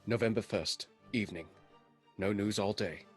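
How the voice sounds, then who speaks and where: Low, grave journal-reading man, an actor's role. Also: normal speed, faint music behind, natural voice. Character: sober, anxious Englishman reading his journal aloud. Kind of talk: radio play narration.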